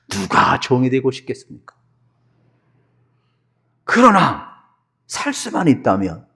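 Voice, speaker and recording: A man's voice: fairly low pitch, slightly rough. A male pastor delivering a televised sermon in a church, telling the story vividly and acting out its scenes. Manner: animated storytelling, acts out scenes. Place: church sanctuary.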